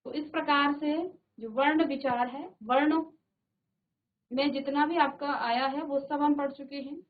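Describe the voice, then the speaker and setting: A woman's voice: high-pitched, steady tone, unhurried. A woman teacher giving a grammar lesson in a studio classroom, drilling sounds by repeating them and checking in with her class. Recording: tinny phone-like sound.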